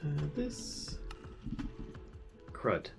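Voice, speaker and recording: A man's voice: extremely slow, music in the background. A man live-streaming a modded game, chatting casually, teasing his co-player and laughing often. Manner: playful teasing, laughs often, thinks aloud.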